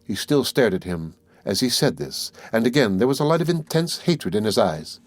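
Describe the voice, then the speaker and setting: A man's voice: mid-range voice, big pitch swings, normal speed, dry recording. Man narrating a classic novel. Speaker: audiobook narrator. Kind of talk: scripted narration.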